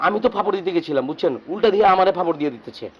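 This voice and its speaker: A fast, gossipy sidekick. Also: male voice, sits high, highs cut off. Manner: sly, gossipy tattling. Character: gossiping sidekick, a young unmarried man. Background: music.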